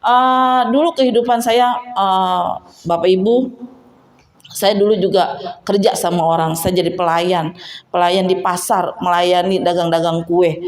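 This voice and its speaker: A woman's voice: on the low side, steady tone, a little slow. A woman giving an earnest personal testimony and exhortation at a church fellowship, often turning to her listeners with rhetorical tags.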